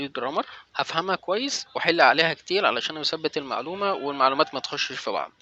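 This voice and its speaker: A man's voice: fairly high pitch, pushed and bright, dull audio, slight background noise. A young man with an Egyptian Arabic accent giving direct, coaching advice to the viewer in a motivational vlog. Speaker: language-learning vlogger. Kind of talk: motivational advice talk to camera.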